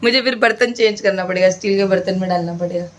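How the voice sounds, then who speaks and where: A woman's voice: medium pitch, quick pace. Chatty woman vlogging at home. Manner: chatty, emotional, talks to viewers directly. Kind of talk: casual home vlog chat. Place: at home indoors. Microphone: phone camera.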